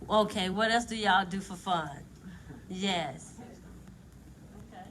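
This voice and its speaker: A woman's voice: mid-range voice, slow, a bit bright, slight background noise, rough recording. A woman hosting a talk show, chatting easily with her guests. Her grammar is folksy and informal, and her tone is casual.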